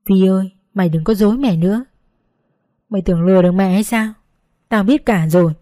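A woman's voice: medium pitch, brisk, warm tone, no room sound, studio quality, lightly acted. A woman voicing a poor, aging rural mother who pleads tenderly with her daughter in a read-aloud story.

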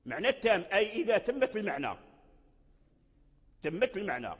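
A man with a high voice gives a patient lesson on Quran recitation rules. He pauses and repeats words mid-thought and slows to sound out examples. His voice carries a long hall reverb. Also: very animated, breathy edge. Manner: halting, repeats words while explaining, slows to spell out examples. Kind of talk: spoken religious lesson on Quran reading rules.

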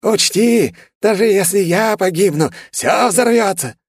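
A man's voice: unhurried, dry recording, studio quality. A man voicing a cowardly male demon who screams his threats in panic. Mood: hysterical. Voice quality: shrill, screaming.

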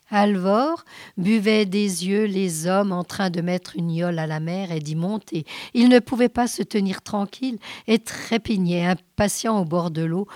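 Slow-reading woman radio host. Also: mid-range voice, darkish tone, no echo, studio quality. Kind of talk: reading a story aloud. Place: radio studio.

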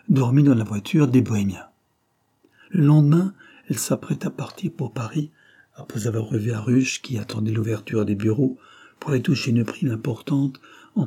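Man, audiobook narrator, classic novel, dark mellow tone, slightly husky. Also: mid-range voice. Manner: measured, dramatic storytelling.

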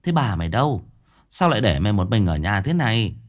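A man doing a brisk, concerned village woman. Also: lowish voice, big pitch swings. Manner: quick, scolding questions.

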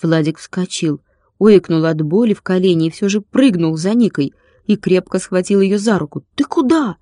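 A woman reading a children's story aloud as an audiobook narrator, in a calm, even storytelling manner. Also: lowish voice, normal speed, no room sound, studio quality. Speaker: audiobook reader.

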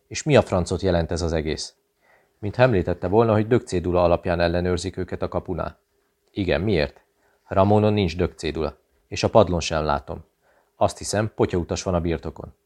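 A man with a deep, low voice reads a thriller novel aloud as an audiobook. His delivery is steady and measured, and he lifts his voice when characters shout. It suits tense, plot-driven narration.

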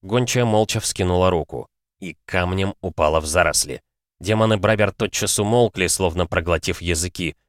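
Male audiobook narrator, measured and even; low, dry voice. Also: no room sound. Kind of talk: scripted fantasy narration.

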